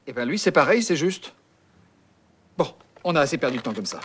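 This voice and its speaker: A man's voice: on the high side, big pitch swings, fairly quick, a bit bright, slight background noise. An actor playing an exasperated, impatient middle-aged man in a film comedy. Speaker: film character.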